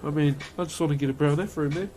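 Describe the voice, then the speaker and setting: Warm in tone and fairly high in pitch, a fast-talking New Zealand man with a broad accent hosts a live stream, where he casually fields viewer questions. There's slight hiss or hum, and his easygoing chat is full of "bro" and "eh".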